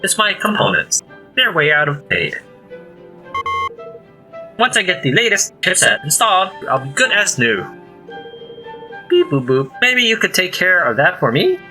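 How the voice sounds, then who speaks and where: A man's voice: high-pitched, wildly swooping pitch, unhurried, pauses often, bright, forceful tone, soft background music, voice pushed up, full character voice. A man putting on a robot voice for a glitchy, touchy male robot, with beeps and boops in between, while reading game dialogue aloud.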